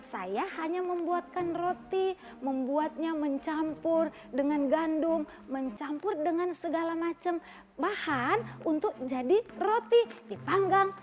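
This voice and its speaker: A woman voicing a calm older male baker who explains slowly and patiently. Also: very high voice.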